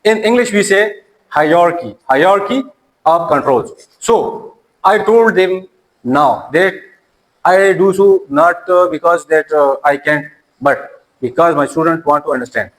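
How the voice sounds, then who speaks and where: High-voiced man giving a lecture. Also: rough recording. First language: Urdu. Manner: halting, repeats words and restarts. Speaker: teacher. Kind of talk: classroom lecture.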